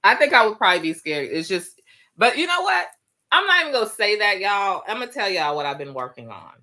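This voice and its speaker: Animated, slangy woman host. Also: medium pitch, quick pace. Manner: animated, slangy, acts out quoted friends. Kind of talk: casual chat reading listener comments.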